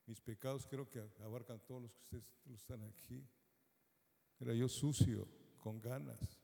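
A man giving a sermon testimony, telling his story in an animated way and acting out the voices of others. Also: mid-range voice, moderate pace, vocal fry. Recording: long hall reverb.

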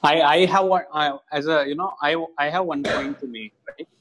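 A man's voice: fairly high pitch, fairly even intonation, normal speed, a bit bright, a little hiss or hum. A man with a Marathi Indian English accent, arguing a point in a casual debate and often checking with tag questions. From Maharashtra, India.

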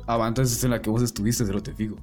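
A man's voice: on the low side, flat delivery, rapid-fire, a little mellow, faint music behind. A man, co-hosting a podcast and telling stories in casual chat, rambling and swearing a lot. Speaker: podcast co-host.

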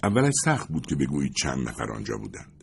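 A man narrating a first-person story in a measured, suspenseful way, husky-voiced. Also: a bass voice, wildly swooping pitch. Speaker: audiobook narrator.

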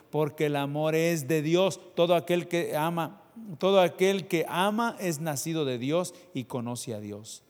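A male preacher delivering a sermon to his congregation, firing rhetorical questions at them and swinging between soft, low passages and loud, rising ones. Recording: long reverb of a hall.

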